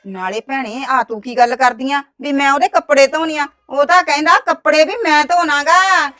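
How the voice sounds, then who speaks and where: A woman playing a high-voiced meddling village gossip. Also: moderate pace, bright, forceful tone. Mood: wheedling. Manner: wheedling, reports others' words. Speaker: actress. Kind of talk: village drama dialogue.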